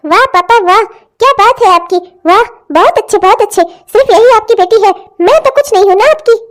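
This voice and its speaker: A woman's voice: extremely high pitch, a little fast. A woman voicing a jealous, sulky teenage daughter in a cartoon who whines and tattles. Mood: jealous whining. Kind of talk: cartoon voice acting.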